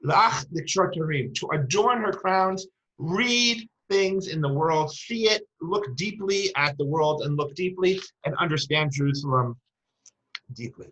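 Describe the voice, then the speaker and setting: A woman teaching a lecture with a bright, forceful voice, working Hebrew terms into her English as she tells old stories. The recording sounds dull and lo-fi. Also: sits low, a little slow. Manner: storytelling, retells quoted dialogue.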